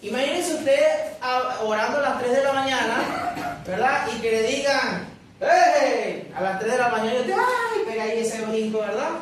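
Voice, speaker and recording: A woman preacher giving a sermon, reading scripture slowly and emphatically and asking the congregation questions. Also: a little high, far from the mic, a little hiss or hum. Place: church hall. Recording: very echoey room, voice away from mic.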